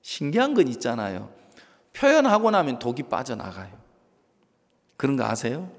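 A male pastor preaching a sermon, moving between loud stressed phrases and soft, quiet asides. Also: medium pitch, very animated, moderate pace. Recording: long hall reverb.

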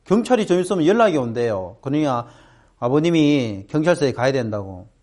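A middle-aged man speaking to students, telling a personal story and acting out the voices of people in it. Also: fairly quick. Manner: animated, acts out quoted voices with big pitch jumps. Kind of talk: storytelling talk.

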